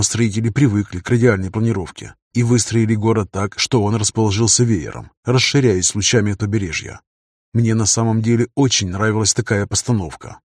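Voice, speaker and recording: A man narrating a first-person fantasy novel in a measured, cool manner. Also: lowish voice, breathy edge, no echo, clean studio sound. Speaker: audiobook narrator.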